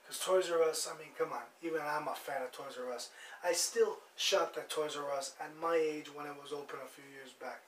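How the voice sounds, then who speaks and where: A man's voice: a little high, steady tone, moderate pace. Blunt rambling man, echoey room. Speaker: host. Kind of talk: opinionated news monologue. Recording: echoey room, distant mic, faint noise.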